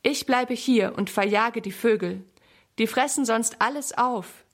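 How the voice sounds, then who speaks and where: A woman's voice: on the high side, unhurried. A woman voicing an eager, earnest little boy in a children's storybook reading. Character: excited little boy Sammy guarding strawberries.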